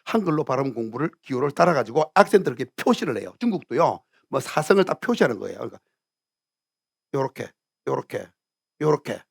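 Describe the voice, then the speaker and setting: A middle-aged male pastor giving a lively sermon, teaching as he goes and drilling English words aloud by repeating them. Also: mid-range voice, rapid-fire, vocal fry, hardly any pauses, breathy edge.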